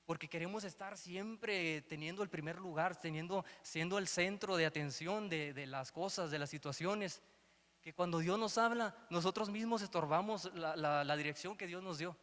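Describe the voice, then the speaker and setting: A man's voice: sits high, moderate pace, fairly bright tone. A man preaching a sermon, telling a Bible story and acting out its dialogue. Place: church hall. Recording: long hall reverb.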